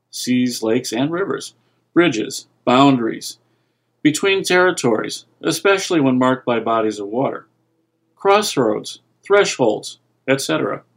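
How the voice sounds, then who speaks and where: A man with a deep, sonorous voice reading an article aloud at a measured, steady pace.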